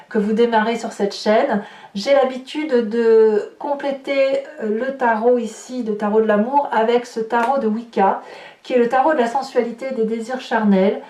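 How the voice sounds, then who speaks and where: Her voice leans high and a bit mellow as she runs a relaxed tarot session for her channel, addressing viewers and wandering into chatty, unsure asides. Audio comes from a faraway mic, echoey and hissy.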